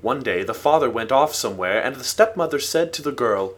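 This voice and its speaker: A man narrating a folk tale in a steady, expressive storytelling manner. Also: mid-range voice, fairly quick.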